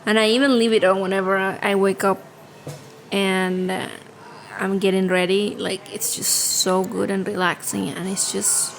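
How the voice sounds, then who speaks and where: A woman co-hosting a podcast conversation, speaking in an unhurried, thoughtful way with trailing fillers. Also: mid-range voice, creaky, a little hiss or hum, low-quality recording. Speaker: podcast co-host. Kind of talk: casual conversation. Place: home studio.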